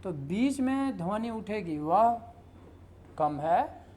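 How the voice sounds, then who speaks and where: A woman teaching a grammar lesson in a slow, explanatory way, with many fillers and repeated example sentences. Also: medium pitch. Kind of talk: lecture.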